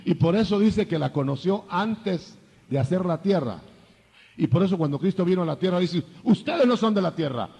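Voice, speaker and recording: An older man preaching a sermon, lively, acting out biblical dialogue in changing voices. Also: high-pitched, moderate pace, husky, in a large hall.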